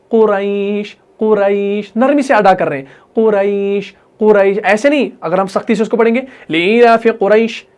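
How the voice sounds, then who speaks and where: A man with a Pakistani Urdu accent teaching Quran recitation in an online lesson, patient and repetitive, drawing out his example words slowly. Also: high-pitched. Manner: patient, repetitive, slow drawn-out demonstrations.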